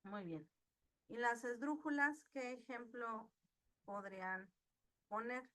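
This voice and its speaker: Slow, bright-voiced woman teaching online. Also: a little high. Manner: slow, patient, asks the class questions. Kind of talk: online class lesson. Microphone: video call.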